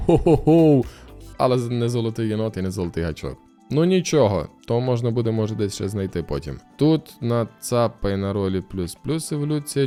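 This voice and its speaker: Chatty young man with a low voice. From Ukraine. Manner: chatty, muses aloud, excited outbursts. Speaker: streamer. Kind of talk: casual gameplay commentary.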